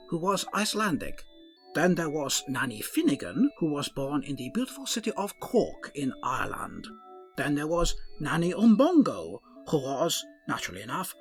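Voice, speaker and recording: For a comic audio drama, a man with a somewhat high voice plays a fussy, earnest ship's doctor who talks formally in a strange, mixed-up put-on accent.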